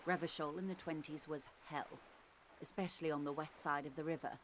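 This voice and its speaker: A woman's voice: low-pitched, steady tone, a little fast, slight background noise, natural voice. A woman playing a shrewd, wry negotiator. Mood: explanatory. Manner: smooth, articulate, gently ironic.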